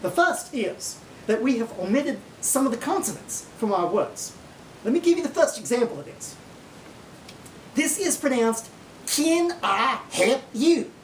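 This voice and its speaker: A woman putting on a proud, folksy Oklahoma woman who lectures in an emphatic, drawn-out Okie accent. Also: sing-song, a little mellow. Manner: slow drawn-out drawl, emphatic. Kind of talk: mock lecture on dialect. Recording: roomy, distant mic, faint rumbling noise.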